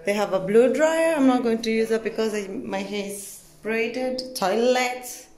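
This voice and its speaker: A woman's voice: fairly high pitch, a little mellow, soft background music. Chatty young woman vlogging on a phone. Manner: chatty, halting with restarts and fillers. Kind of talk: casual travel vlog. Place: inside a car, then a hotel room. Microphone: handheld phone camera.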